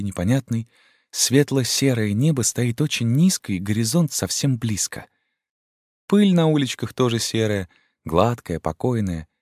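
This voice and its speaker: A man reading an audiobook voices a sad young woman telling a dream, in a soft, wistful manner. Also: mid-range voice, no echo, clean studio sound, voice pushed up.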